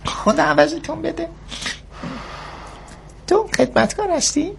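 A woman's voice: high voice, very animated, gravelly, noisy background, heavily acted. A woman voicing a timid, stammering poor young man in a cartoon dub. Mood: polite. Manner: stammering, hesitant.

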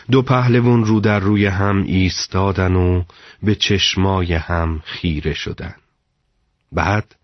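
Man, storyteller, very low voice, dry close sound, measured dramatic narration. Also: no echo, dull audio.

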